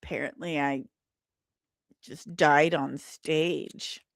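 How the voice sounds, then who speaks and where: A woman from Britain, who writes comic books, hosts a casual livestream and speaks playfully and emphatically to her viewers. Her low voice has fairly even intonation, a slow pace, and vocal fry. The recording is dry and studio quality.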